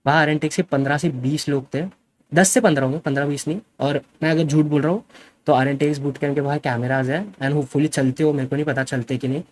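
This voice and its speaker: A man tells his side of a story in a casual vlog, defensive and insistent, repeating himself to make his point. His voice sits a little high for a man. A faint background noise runs under the recording. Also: fairly even intonation, quick pace. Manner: defensive, insistent, mixes English into his speech. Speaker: gaming streamer.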